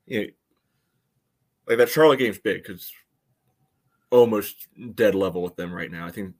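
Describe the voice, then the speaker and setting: A man with a lowish, slightly mellow voice speaks at a moderate pace while co-hosting a casual sports podcast. His soccer analysis is hesitant and filler-heavy, peppered with "you know."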